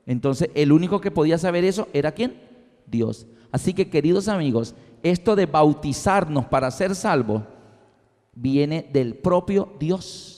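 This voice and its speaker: A man preaching a sermon as an evangelist, telling stories in an animated way and acting out the voices of his characters. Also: a little high, moderate pace. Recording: long hall reverb.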